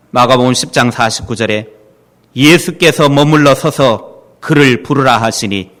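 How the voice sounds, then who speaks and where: A man preaching a sermon as pastor, animated, leading the congregation in repeating phrases. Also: mid-range voice.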